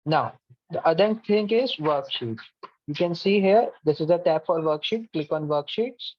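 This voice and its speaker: Over a video call mic, an expressive man with a fairly high voice patiently walks students step by step through an online class platform, often saying "okay." He speaks at a moderate pace. The lo-fi call audio is dull and dry, with no room sound.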